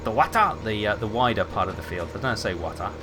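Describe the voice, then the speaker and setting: A man who grew up in England chats casually with viewers while streaming a game, his low-leaning voice very fast against a noisy background. He's relaxed and chatty, answering chat as he plays.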